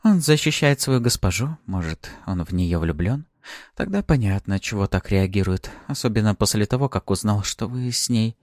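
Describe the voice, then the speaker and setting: A man's voice: on the low side, lively intonation, moderate pace, darkish tone, no room sound, clean studio sound, close to an everyday voice. A man voicing a sly, playful female succubus demon in an audiobook, with a mocking manner. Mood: teasing. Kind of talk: audiobook character voice.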